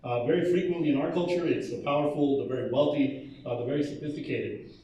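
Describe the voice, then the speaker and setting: A man's voice: a little high, quick pace, warm tone. A man from El Paso giving a keynote speech at a school ceremony, with many fillers and restarts. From El Paso, Texas. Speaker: keynote speaker. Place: large echoey hall. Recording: echoey hall from far off, faint noise.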